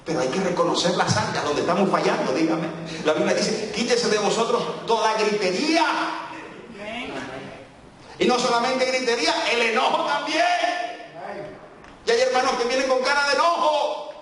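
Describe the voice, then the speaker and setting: Speaking at a moderate pace with frequent pauses, this Salvadoran guest preacher has a somewhat bright voice and a Salvadoran Spanish accent. His Pentecostal sermon is fervent, his pitch sweeps, and he calls out to the congregation. It was recorded from a distant mic in an echoey church sanctuary.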